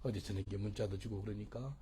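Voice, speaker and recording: A middle-aged male pastor preaching a sermon, moving from soft, close asides to loud, fervent exhortation. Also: lowish voice, fairly even intonation, fast talker, a little hiss or hum.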